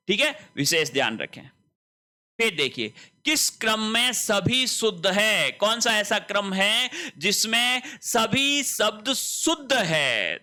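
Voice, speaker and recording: High-voiced, bright Hindi teacher. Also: male voice. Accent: Rajasthani. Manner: explains step by step with rhetorical questions. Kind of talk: exam-prep spelling lesson.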